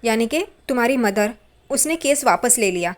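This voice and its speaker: A woman's voice: a little high, lively intonation, normal speed, close to an everyday voice. Woman doing a reassuring male lawyer.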